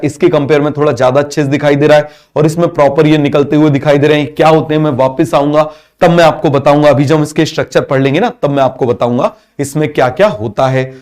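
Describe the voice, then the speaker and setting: A man's voice: on the high side, darkish tone. A male teacher giving a biology class, asking constant questions, having students repeat answers, and mixing English terms into Hindi.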